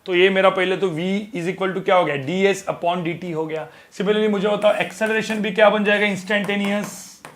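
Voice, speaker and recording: A man teaching physics in a classroom lecture, asking students questions again and again and slowly repeating each formula. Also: high-pitched, fairly even intonation, a bit bright.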